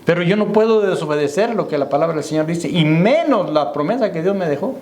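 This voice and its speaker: High-voiced preaching pastor, echoey church. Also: male voice, expressive, fast, a little mellow. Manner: preaching to the congregation, repeating "hermano" and "¿me entiende?". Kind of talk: sermon.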